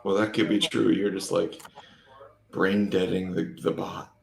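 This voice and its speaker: A man's voice: low voice, level tone, measured pace, vocal fry, darkish tone, a little hiss or hum. A man co-hosting a casual chat, teasing the others and laughing easily. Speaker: co-host. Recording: roomy echo.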